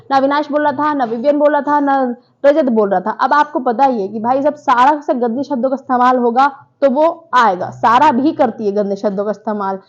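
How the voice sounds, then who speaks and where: A woman talks through a reality show episode in casual commentary, slipping into the quoted lines as she tells them. Her voice sits a bit high. The recording sounds dull and lo-fi. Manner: animated retelling, acts out quoted lines.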